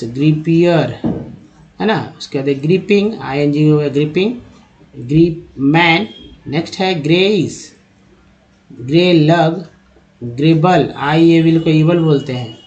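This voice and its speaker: A man with a fairly high voice, teaching English pronunciation word by word. He spells out each word's letters and repeats the word patiently. The recording sounds dull and lo-fi. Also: warm tone. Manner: addresses viewers as friends. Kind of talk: spoken English lesson.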